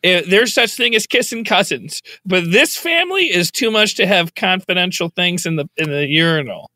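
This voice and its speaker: A man's voice: sits high, animated, moderate pace, bright, forceful tone, no echo. A man putting on a glitching male robot TV host who stammers and repeats words like a malfunctioning machine. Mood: glitchy. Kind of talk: improv comedy impression.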